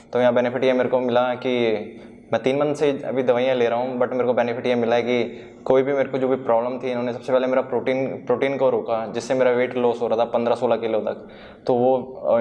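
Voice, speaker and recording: A man's voice: medium pitch, darkish tone, long reverb tail, slight background noise. A man, a patient, plainly recounting his experience in an interview, hesitant with fillers.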